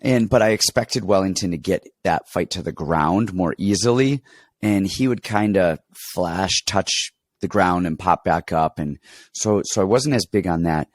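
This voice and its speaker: A man with a low voice, talking a little slowly, co-hosts a casual podcast about fight betting and also works as a fight coach. Still congested as he recovers from an illness, he rambles through stories and restarts often. The studio sound is clean, with no room echo.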